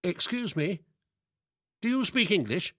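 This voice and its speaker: Polite Yorkshire tourist lady, slow and overpronounced, higher-pitched as a male reader puts her on in a storybook reading. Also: sing-song, pushed and bright, breathy edge, dry recording, studio quality, exaggerated voice. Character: polite middle-aged Yorkshire woman tourist.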